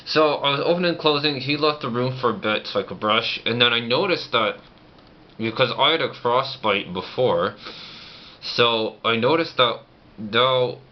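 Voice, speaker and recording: A man's voice: medium pitch, normal speed. A man chatting casually in a personal vlog, talking through teeth held together by a banded-shut jaw. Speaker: vlogger. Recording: muffled lo-fi audio, clear background noise.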